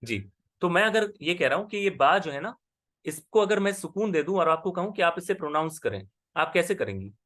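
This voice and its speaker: A man with a somewhat high voice teaches a class. He explains patiently and keeps pausing to check that the student is following. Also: expressive, fairly bright tone. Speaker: Arabic grammar teacher. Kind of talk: online class lesson.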